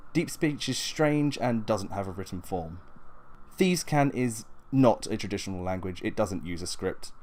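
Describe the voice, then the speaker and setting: A tabletop gaming video host with a lowish voice and darkish tone narrates an explainer. He delivers it in a matter-of-fact, instructional way, working from loosely scripted notes.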